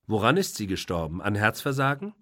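A man's voice: fairly low pitch, big pitch swings, fairly quick, a bit bright. A man voicing a nosy, humorless woman who gossips and questions her brother insistently. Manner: insistent, know-it-all questioning.

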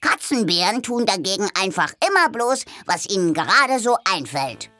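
A woman's voice: mid-range voice, big pitch swings, moderate pace, pushed and bright, no echo, faint music behind. A woman voicing a cheeky, cocky male cat-bear creature in a storybook reading, with a bossy manner.

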